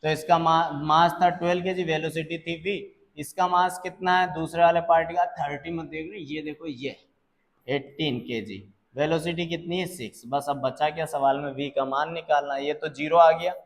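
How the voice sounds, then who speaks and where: A man tutoring physics, slowly working through exam problems and checking that students follow. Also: a little high, fairly even intonation. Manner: calls students "beta", checks understanding; slow, deliberate explaining.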